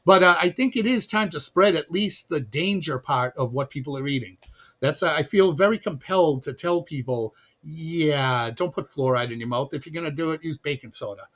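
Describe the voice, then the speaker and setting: A man from Chicago, USA, chats freely as a podcast guest in a casual conversation, often restarting and laughing. His voice is a little high and fairly bright, with lively intonation at normal speed. The audio is dull and lo-fi.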